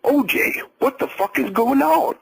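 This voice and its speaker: An enraged young woman, shrill and swearing, as a male narrator puts her on. He pushes his gravelly voice well up in pitch, swinging wildly as she shouts. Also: very animated, normal speed, full character voice, rough recording. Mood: furious.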